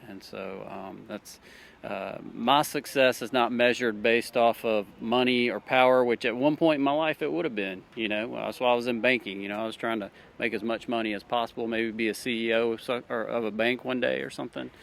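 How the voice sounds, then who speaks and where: A man's voice: medium pitch, steady tone, fairly quick, creaky, a bit bright. A man with an Alabama Southern accent, talking earnestly in a casual street interview, with many fillers and restarts. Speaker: interviewee, church worker.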